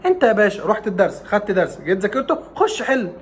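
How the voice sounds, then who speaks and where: Rapid, animated Egyptian advice vlogger. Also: male voice, high-pitched, slight background noise. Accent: Egyptian Arabic. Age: young adult. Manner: teasing, rhetorical, scolding like a big brother. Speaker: study advice YouTuber. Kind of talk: casual advice vlog.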